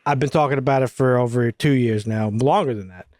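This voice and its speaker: An animated man trading opinions on a casual film podcast, swearing freely and breaking into laughter. His voice is mid-pitched and sits dry and close on the microphone. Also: fairly quick, dry recording. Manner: animated, profane, laughs often. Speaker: podcast co-host. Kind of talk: casual chat.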